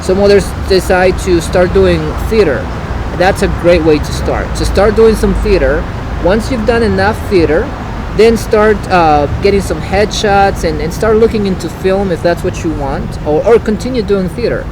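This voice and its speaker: A man's voice: sits high, normal speed. A man from El Salvador, an actor, talking earnestly in a casual interview and often repeating words as he starts a sentence. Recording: outdoor recording with traffic noise.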